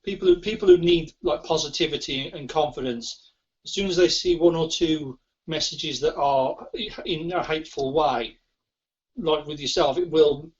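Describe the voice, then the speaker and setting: A man's voice: a little high, sing-song, moderate pace. A man, a cosplayer, chatting casually and agreeing, with stammered restarts. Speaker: cosplayer guest. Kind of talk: casual convention interview chat. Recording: muffled lo-fi convention recording.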